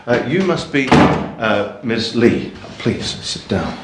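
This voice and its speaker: A man's voice: mid-range voice, sing-song, slow, very noisy. An actor playing a curious, polite male private investigator who hums and hesitates between his questions. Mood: calm. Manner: hesitant, with many fillers and hums. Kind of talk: scripted English-learning drama. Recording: roomy echo.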